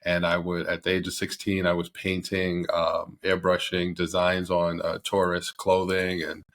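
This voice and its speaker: A middle-aged Barbadian man, the CEO of a company, appears as a guest on a podcast in a casual interview. His deep voice stays monotone, and he speaks haltingly, full of ums, fillers and restarts.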